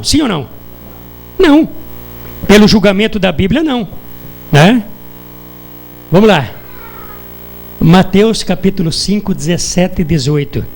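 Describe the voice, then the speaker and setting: A Brazilian preacher with a high, lifted voice, delivering a sermon in church. He keeps turning to the congregation with rhetorical questions and pauses for them to answer. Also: gravelly, poor audio. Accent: Brazilian Portuguese.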